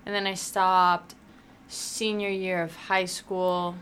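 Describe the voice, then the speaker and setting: A woman's voice: lowish voice, little pitch movement, slow pace, fairly bright tone, a little hiss or hum. A woman in her early twenties who grew up in Greece, chatting casually as a graduating student guest on a podcast, full of "like"s. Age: early 20s. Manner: chatty, uses many fillers. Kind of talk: casual interview answers.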